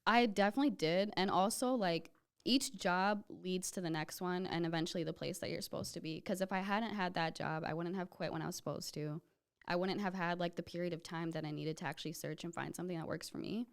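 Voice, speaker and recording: Low, gravelly young woman chatting. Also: brisk. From Ethiopia. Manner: relaxed, peppers speech with "like". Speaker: podcast guest. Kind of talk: casual chat.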